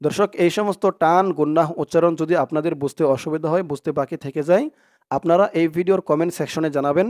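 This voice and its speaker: A man's voice: on the high side, fast talker, darkish tone. A man teaching Quran recitation, spelling out syllables one by one and repeating them for his students. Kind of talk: step-by-step recitation lesson.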